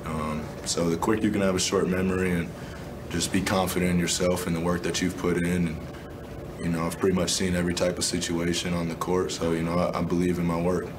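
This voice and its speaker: In a press room after a game, a basketball player in his twenties fields questions in a subdued, measured manner, sprinkling his answers with plenty of "you know" and "um." His pitch barely moves, and background noise can be heard.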